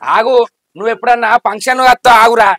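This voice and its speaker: A man's voice: very high-pitched, steady tone, fast talker, sharp tone, dry recording. A man, grumbling and scolding in a village comedy sketch. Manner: grumbling, scolding, repeats his complaints. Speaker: comic actor.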